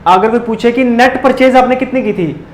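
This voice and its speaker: A high-voiced man teaching accounting, who keeps asking his students a question and then answering it himself. He speaks in a steady classroom lecture style. A faint noise sits behind his voice. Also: moderate pace, poor audio. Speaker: commerce teacher.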